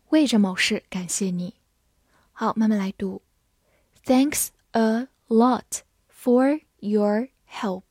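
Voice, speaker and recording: Slow, husky woman teaching vocabulary. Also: fairly high pitch, darkish tone, no room sound, clean studio sound. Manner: spells words letter by letter and reads example sentences slowly. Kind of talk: scripted vocabulary lesson.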